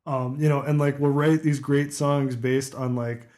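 A man co-hosting a casual music podcast at a mid pitch. He talks in loose rambling runs, full of "like" and "you know". He laughs easily between his points. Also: fairly even intonation, a little slow, darkish tone. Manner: rambling, laughs often, lots of fillers. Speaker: podcast co-host.

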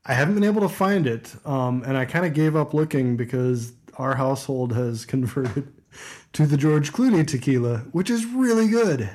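A man co-hosting a casual music podcast at a mid pitch. He talks in loose rambling runs, full of "like" and "you know". He laughs easily between his points. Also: expressive, moderate pace, darkish tone. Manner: rambling, laughs often, lots of fillers. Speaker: podcast co-host.

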